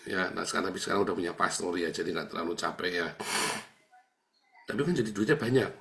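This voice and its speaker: A middle-aged man preaching a sermon in a relaxed, conversational way. He often turns to address his listeners, rising to emphatic lines and dropping to a quiet murmured prayer. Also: sits low, fast talker, creaky. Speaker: pastor.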